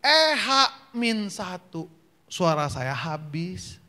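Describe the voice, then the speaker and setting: High-voiced man telling funny church stories. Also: very animated, bright, forceful tone. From North Sumatra, Indonesia. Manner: jokey storyteller, acts out dialogue with quick voice changes. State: slightly worn voice. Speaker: gospel singer and preacher. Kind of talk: humorous testimony sermon. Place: church prayer meeting.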